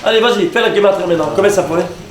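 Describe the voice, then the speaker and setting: A rabbi with a high, bright voice teaches an animated class, firing questions at his listeners. His voice rings through an echoey hall, and a lively crowd murmurs all around him. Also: very fast. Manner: animated, quizzes the audience. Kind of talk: lively Torah lesson. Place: lecture hall with audience.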